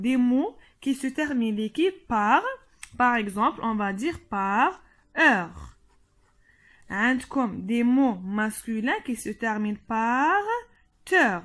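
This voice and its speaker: Bright-voiced woman teaching children. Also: fairly high pitch. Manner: switches between French and Algerian Arabic, spells words out slowly; repeats "d'accord, les enfants?" to check in. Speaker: primary school teacher. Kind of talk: French grammar lesson for children.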